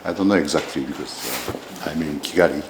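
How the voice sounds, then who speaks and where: A man from Japan with a Japanese accent, answering formally as an ambassador in an interview, with halting, hesitant phrasing. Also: a bass voice, heavy background noise.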